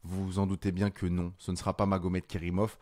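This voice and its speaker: A man hosting his own channel, explaining fight news in a casual, animated way with frequent fillers. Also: low-pitched, a little fast. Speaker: MMA channel host. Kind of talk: casual commentary to camera.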